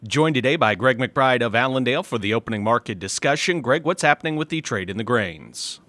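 A man's voice: medium pitch, a little fast, no echo. Man reading radio market news. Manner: steady, clipped delivery of figures. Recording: dry studio sound.

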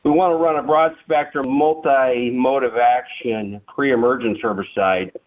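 A man's voice: medium pitch, steady tone, a little slow. A man, an agronomy field specialist, heard over the phone in a farm radio interview, explaining things practically with brief restarts. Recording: tinny phone line.

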